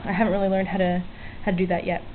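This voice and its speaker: A woman speaks at a fairly low pitch in a flat, rapid-fire delivery, showing off her electronics project as a hobbyist vlogger in an informal, unscripted, self-deprecating and slightly sweary way. Recorded on a handheld camera's built-in mic at a small home work area by an open window, the sound is tinny, band-limited and hissy. Faint outdoor weather ambience is present.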